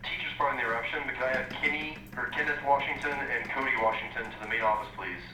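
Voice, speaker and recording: A man making a polite school office announcement, heard over the intercom loudspeaker in a classroom. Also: mid-range voice, fast. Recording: distant echoey classroom speaker, noisy.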